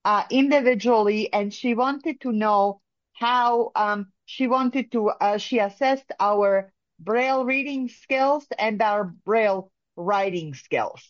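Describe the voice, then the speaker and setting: A woman from Bosnia, speaking in a halting way with many pauses and fillers as a caller in a phone-in discussion. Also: medium pitch, dry recording. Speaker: caller sharing experience. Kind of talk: casual phone-in talk. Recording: muffled lo-fi line.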